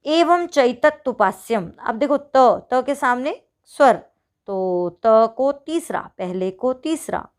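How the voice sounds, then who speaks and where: A woman teacher with a fairly high voice works through a worksheet aloud for her students. She keeps asking them a question and then answering it herself. She slows right down to spell out each example. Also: lively intonation, darkish tone, clean tone. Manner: talks to pupils as children, asks and answers her own questions; stretches out each example slowly. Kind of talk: online worksheet walkthrough.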